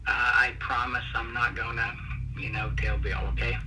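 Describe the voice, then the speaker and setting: A middle-aged man on a phone call, speaking softly and carefully, with fillers. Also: mid-range voice, little pitch movement, moderate pace. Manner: soft-spoken and careful, with fillers. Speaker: brother on the phone. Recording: tinny phone line, faint hiss.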